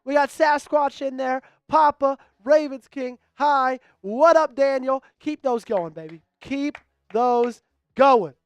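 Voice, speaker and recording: A man hosting a live-streamed sports talk show, upbeat and rattling off shout-outs to viewers. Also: very high-pitched, slow pace, clear, resonant tone. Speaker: host.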